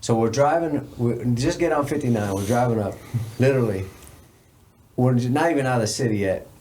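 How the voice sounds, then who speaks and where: A man's voice: medium pitch, fairly quick, darkish tone, a little hiss or hum. A man who trains boxers, telling a fight-trip story in casual, laughing podcast chat. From Texas. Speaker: boxing trainer.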